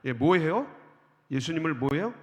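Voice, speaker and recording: A man's voice: a little high, lively intonation, normal speed. A male pastor preaching a sermon at an early-morning church service. He keeps asking the congregation questions, answers them himself, and reads scripture verses aloud. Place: church sanctuary. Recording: long hall reverb of a church.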